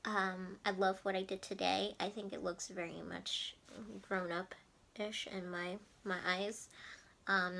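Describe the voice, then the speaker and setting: A woman's voice: mid-range voice, gravelly, bright, forceful tone. A woman in her twenties chatting casually to camera as a vlogger, rambling with many fillers and restarts. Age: 20s.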